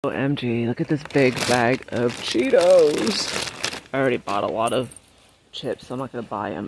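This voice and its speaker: A woman's voice: very deep voice, slight background noise. Chatty woman reading out store prices. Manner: chatty, reads prices aloud, quick excited exclamations. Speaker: shopping vlogger. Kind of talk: casual shop-with-me narration. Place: large warehouse store, indoors. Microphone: handheld phone camera while shopping.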